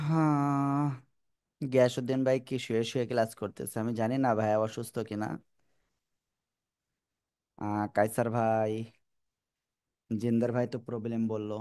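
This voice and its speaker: A man's voice: mid-range voice, flat delivery, moderate pace, long pauses, mellow, clean tone. Bengali man teaching an online class. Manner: encouraging, repeats instructions. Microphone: video call.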